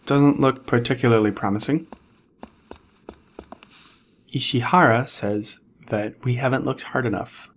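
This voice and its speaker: A man casually commenting on his gameplay in an offhand way. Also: medium pitch. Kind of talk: let's play commentary.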